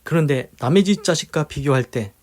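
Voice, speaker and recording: Man, devotional sermon, fairly high voice, earnest, emphatic, prays aloud between points. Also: animated, brisk, darkish tone. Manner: earnest, alternates teaching with spoken prayer; emphatic, repeats key phrases. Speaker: preacher leading a daily devotional. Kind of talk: devotional Bible commentary with prayer.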